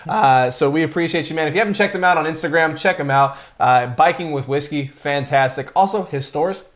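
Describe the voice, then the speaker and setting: A man's voice: fairly high pitch, brisk, a bit bright. A man co-hosting a casual whiskey review, talking enthusiastically and rambling with many fillers.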